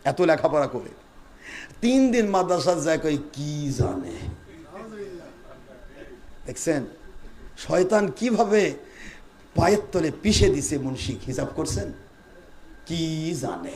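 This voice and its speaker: A high-pitched man delivers a fiery sermon at a religious gathering. He fires rhetorical questions, scolds, and draws answers from the crowd. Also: sing-song, slow pace, pauses often, darkish tone. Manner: call-and-response with audience, scolding and rhetorical questions. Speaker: preacher. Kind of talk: Bengali waz sermon.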